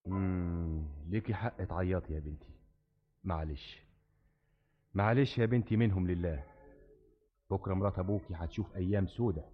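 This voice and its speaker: A low-voiced, grey-haired older man with an Egyptian Arabic accent, smooth and coaxing on the surface but cruel underneath. This is classic radio drama on a dull old recording, with music playing behind him. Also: normal speed, pauses often. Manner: coaxing and fatherly to the girl, menacing to his wife.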